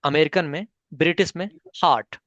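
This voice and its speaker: A man's voice: fairly high pitch, normal speed, fairly bright tone, no room sound, lo-fi sound. Patient male English trainer on a call. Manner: patient teacher, mixing Hindi and English, coaxing learners by name. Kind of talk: online spoken English class.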